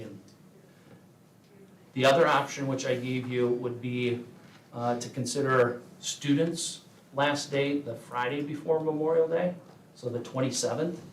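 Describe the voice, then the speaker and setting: A man gives a measured meeting report to a school board, with frequent filler pauses. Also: medium pitch, slight background noise. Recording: echoey meeting room, voice from far off.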